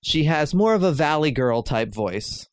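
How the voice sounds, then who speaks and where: A man's voice: on the high side, animated, normal speed, no room sound. A man hosting a podcast in casual chat, talking with lots of fillers and frequent laughs. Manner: chatty, laughs often, many fillers. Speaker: podcast host.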